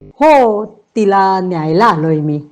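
A woman's voice: medium pitch, animated, takes it slowly, noisy background. A woman voicing a humble, earnest young husband who speaks politely and hesitantly, in a read-aloud novel.

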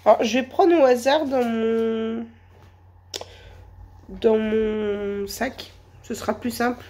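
A woman with a cold and a hoarse voice, chatting slowly and hesitantly through a shopping haul. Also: a little high, steady tone, warm tone. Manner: hesitant, many fillers, slow and chatty. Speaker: vlogger. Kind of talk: casual shopping haul vlog.

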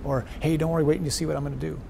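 A man hosting a conversational faith discussion as a priest, his voice mellow and warm in tone. He speaks earnestly and with animation, restarting phrases as he thinks. A faint rumble sits under him, recorded indoors. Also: level tone, very fast, gravelly. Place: indoors before a wall of memorial crosses.

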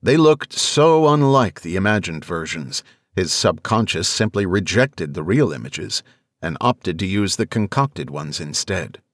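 A low-voiced man narrates an audiobook in a measured, even way. The recording is dry and close, with no room sound. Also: dry recording.

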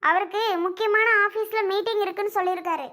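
A high-voiced performer playing a quarrelsome, sharp-tongued pregnant young woman in a family skit, snapping back defensively. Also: steady tone, fast talker.

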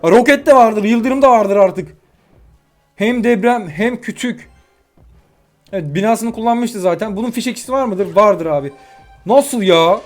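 A young man giving live commentary on his own mobile game matches, excitable and quick to vent frustration at his opponents. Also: high voice. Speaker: gaming YouTuber. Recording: faint music behind.

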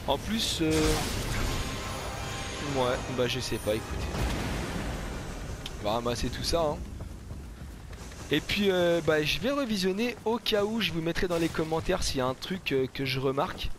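A man's voice: fairly high pitch, animated, normal speed, pauses often, faint music behind. A man giving casual game commentary as host of a gaming video, chatty, informal and slangy.

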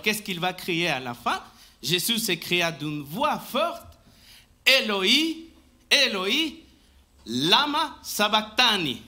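Male pastor, church sermon, slow deliberate delivery, very bright and piercing tone. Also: high voice. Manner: slow, emphatic preaching with frequent restarts; talks to the congregation and asks for the next slide. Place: church sanctuary, indoors.

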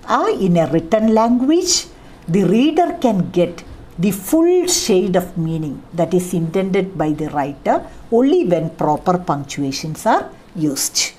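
A middle-aged woman from India with a Kerala English accent gives a college literature lecture, explaining through repeated examples and lots of "ah, see" fillers. Her voice is fairly low and mellow, with big pitch swings and a slow delivery.

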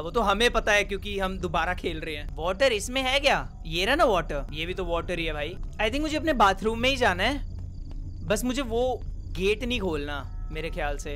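A young man giving joking, excitable commentary while playing a horror game, with loud reactions. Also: high voice, slight background noise. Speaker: gaming YouTuber.

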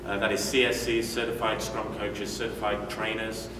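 In a medium-sized hotel meeting room, a UK man in his forties delivers a conversational conference talk at a moderate pace, his voice on the low side and flat. Fillers and restarts come often. It's recorded from a distance by a room mic, sounding echoey and noisy.

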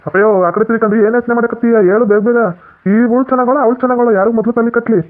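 A man playing a childish, lovesick madman son in a village comedy skit, insisting and whining fast. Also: very high voice, steady tone, pitched above the performer's own voice. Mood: insistent. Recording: tinny phone-like lo-fi audio.

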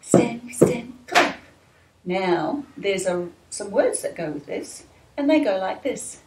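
Slow sing-song woman teaching kids. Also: mid-range voice, animated, dark tone. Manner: slow, sing-song, encouraging to young children. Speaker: children's dance and gym teacher. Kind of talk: leading a kids' movement class. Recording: echoey room, voice from far off, faint music.

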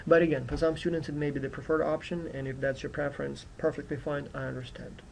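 A university instructor indoors at a computer gives an informal, explanatory course introduction in English, which is his fourth language and not his native one. His voice is a little high, fast, flat, and creaky, in a rough recording with some hiss or hum.

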